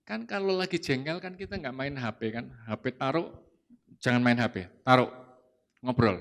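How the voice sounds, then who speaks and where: A man preaching at a church service about marriage, telling a personal story in a lively, anecdotal way. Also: medium pitch, normal speed, vocal fry. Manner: lively anecdotal preaching, rising to loud retorts when quoting himself. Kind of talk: sermon with storytelling.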